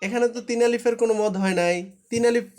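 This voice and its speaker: High-pitched male tutor, drilling reading rules over an online class and checking that students follow. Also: steady tone, fast, a little mellow. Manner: patient, repetitive, often checks understanding. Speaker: Quran recitation teacher. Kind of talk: live online class instruction. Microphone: online live class.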